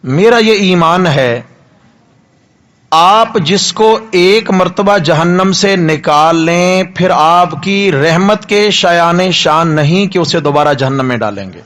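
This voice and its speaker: A man's voice: high-pitched, fairly bright tone. A male preacher acting out a condemned man in hell, pleading with insistent repetition. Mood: earnest.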